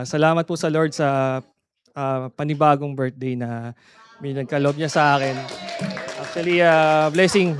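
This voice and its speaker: A man from the Philippines gives thanks at a prayer meeting in an earnest, polite testimony that often pauses to search for words. His voice sits mid-range and sounds smooth and clear. The sound is dry and close. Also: mid-range voice, no echo. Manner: earnest and polite, with many hesitations. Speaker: church member giving thanks.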